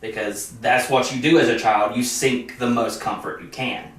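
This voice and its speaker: A man's voice: mid-range voice, steady tone, moderate pace, fairly bright tone. A young man talking as a guest on a casual podcast, earnestly explaining at length. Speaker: guest, medium. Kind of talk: casual interview. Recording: very echoey room, distant mic.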